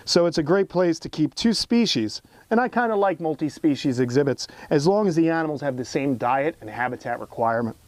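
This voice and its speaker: A man's voice: a little high, expressive, fairly quick, few pauses, a little mellow, no echo. A man presenting an educational animal tour outdoors in a casual, emphatic, admiring way, as an enthusiastic host and keeper. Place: outdoors among animal enclosures.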